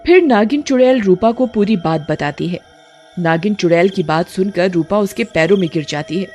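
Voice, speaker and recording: A woman giving steady, scripted narration of a cartoon story. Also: mid-range voice, normal speed, soft background music.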